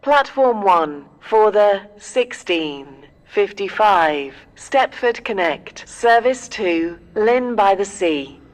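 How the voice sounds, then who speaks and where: A woman giving an automated train station announcement in a slow, even, measured delivery. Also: mid-range voice, poor audio.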